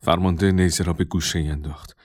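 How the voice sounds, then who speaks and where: A man narrating a storybook in a calm, measured reading. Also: low voice, no room sound, studio quality.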